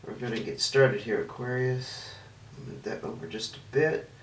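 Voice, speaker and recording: A man with a medium-pitched voice and moderate pace hosts his own channel, laying out cards for a casual tarot reading to camera. He's chatty, thinks aloud, and sounds a bit stuffy and sniffly, captured on a roomy, distant mic with faint noise.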